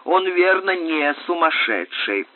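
A man doing an excitable doctor, tinny audio. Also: a little high, dry recording. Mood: excited. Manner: exclaiming, fickle, quick to change his verdict. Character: excitable middle-aged male asylum doctor.

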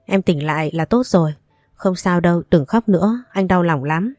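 A protective young man speaks in a soothing, low voice, read by a woman narrating a story. The tone is mellow and dark, and the sound is dry and close. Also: moderate pace, no room sound, natural voice. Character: distressed young man comforting his girlfriend.

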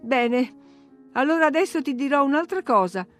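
A woman's voice: on the high side, a little slow, faint music behind, lightly acted. A woman voicing a sickly, petulant teenage boy in an audiobook reading, whiny and taunting. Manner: whiny and taunting, sing-song jeering.

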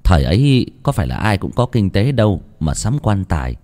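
A man's voice: low voice, sing-song, fairly quick, warm tone. A man from Vietnam narrating a scripted horror story in a dramatic, vivid way.

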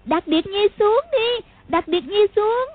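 A woman playing a hot-tempered little girl, shrill cries, high, husky, dry recording. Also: lively intonation, takes it slowly, no echo, exaggerated voice. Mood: urgent. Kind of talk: audiobook character voice. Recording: tinny phone-like, dry.

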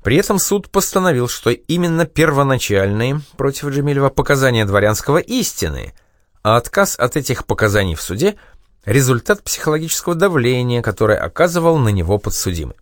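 A male audiobook narrator reads a memoir in a measured, expressive way. His pitch moves a great deal while he stays mid-range. The recording is close and dry, with no room sound. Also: dry recording.

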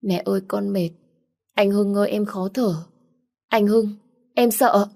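A woman's voice: fairly low pitch, normal speed, a little mellow, lightly acted. A woman voicing a pampered, fragile young woman who whimpers and pleads. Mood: frightened.

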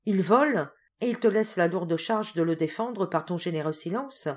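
A woman's voice: on the low side, moderate pace, natural voice. A woman reading the part of an earnest, devoted young man in an audiobook, with fervent, emphatic declarations.

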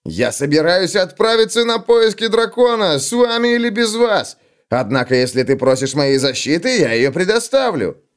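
A man voicing a young, boastful, hot-tempered male dwarf warrior in an audiobook, loud and blustering. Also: sits high, big pitch swings, smooth, pitched above the performer's own voice. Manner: loud, blustering and quick to take offence. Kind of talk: audiobook character voice.

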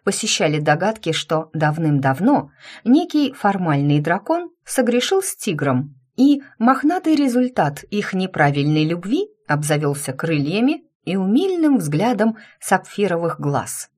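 A woman reading a first-person fantasy audiobook, lively and mocking in dialogue. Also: fairly low pitch, measured pace, breathy edge. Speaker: audiobook narrator.

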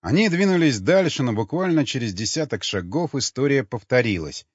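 A man narrating an audiobook in an expressive storytelling manner. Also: medium pitch, brisk, slightly rough, dry recording. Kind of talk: scripted narration. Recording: dry, dull lo-fi sound.

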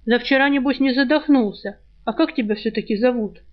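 A woman's voice: a little high, fairly quick, highs cut off, close to an everyday voice. A woman voicing a cautious, blunt young village girl in an audiobook. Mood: wary.

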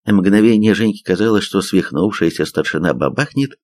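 A man narrating an audiobook in an expressive reading manner. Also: low voice, moderate pace, no echo. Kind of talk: scripted narration.

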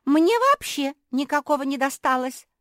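A woman's voice: fairly high pitch, lively intonation, a little slow, dry recording, voice pushed up. A woman voicing a small, tearful female dog who whines and pleads close to tears, in an audiobook. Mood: sobbing. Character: high-pitched tearful little female dog. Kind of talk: audiobook character voice.

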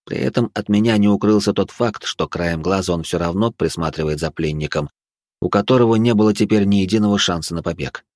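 A man narrating a first-person fantasy audiobook in a measured, even manner. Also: low voice, no room sound, clean studio sound.

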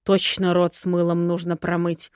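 A cranky old nobleman who growls his words and snaps at anyone who crosses him, as a woman reads him aloud. His voice sits at a middling pitch, and the booth sound is completely dry, with no room echo. He comes across as stiff, indignant and sure of his own authority. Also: measured pace, close to an everyday voice. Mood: irritated. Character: grumpy, rude old male lord. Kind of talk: audiobook character voice.

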